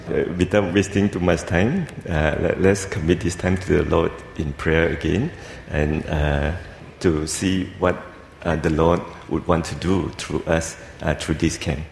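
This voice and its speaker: A man's voice: deep voice, gravelly, darkish tone. A man with a Malaysian accent preaching a sermon in English in an informal way, tagging sentences with little colloquial particles. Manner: informal, with 'you see' and 'lah' tags. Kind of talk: sermon in English at a church camp. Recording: echoey hall, noisy room sound.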